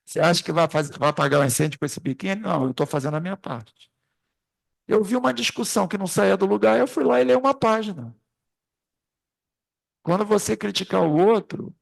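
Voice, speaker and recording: A man's voice: sits high, vocal fry. A man leading an informal spiritist study class, rambling through anecdotes and speaking straight to the group. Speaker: class facilitator.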